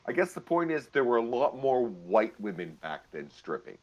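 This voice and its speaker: A man's voice: medium pitch, sing-song, moderate pace, darkish tone, lo-fi sound. A man in his forties, bantering and joking in a casual chat. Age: 40s.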